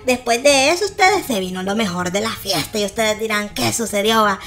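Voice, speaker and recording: A woman's voice: mid-range voice, animated, brisk, a bit bright. A woman with a Salvadoran accent hosting a gossip channel, chatting casually and laughing often. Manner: chatty, laughs often, keeps tagging "¿verdad?".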